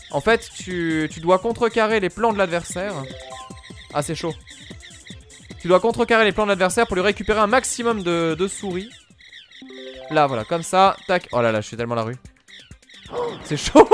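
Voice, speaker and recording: A young man streaming a video game live, commentating excitably, swearing and shouting at the game. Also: high voice. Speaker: gaming streamer.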